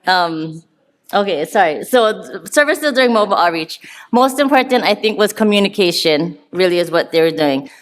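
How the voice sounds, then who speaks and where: A woman from Hawaii gives an earnest conference presentation on public health work in a conference room, walking through her slides with some restarts. Her mid-range voice has lively intonation and a moderate pace, picked up by a handheld or podium mic.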